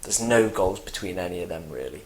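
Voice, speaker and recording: A man co-hosting a casual football talk show. He sounds relaxed and easygoing, laughs along with his co-host and agrees readily while giving his own takes. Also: deep voice, a little fast.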